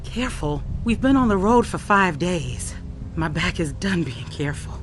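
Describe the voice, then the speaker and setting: Woman playing a fed-up survivor, swinging pitch, noisy. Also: expressive, normal speed, close to an everyday voice. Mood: impatient. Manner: sassy, impatient. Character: fed-up, sharp-tongued woman, weary traveling survivor. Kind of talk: dramatic game voice acting. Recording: loud rumbling background noise.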